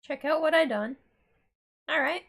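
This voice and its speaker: A woman's voice: sits high, unhurried, vocal fry, a bit bright. A woman playing a horror game, commenting expressively and reacting aloud as she plays. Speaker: gaming streamer. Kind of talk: let's play commentary.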